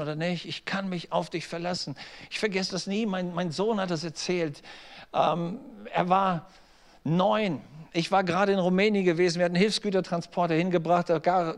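A middle-aged man preaching a sermon as a pastor, telling stories, acting out quoted voices and speaking straight to his listeners. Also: sits high. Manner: storytelling preacher, acts out quoted voices, direct address to listeners.

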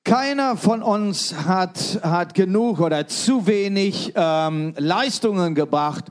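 A man interpreting a sermon live, phrase by phrase, with quick restarts and fillers. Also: sits high, lively intonation.

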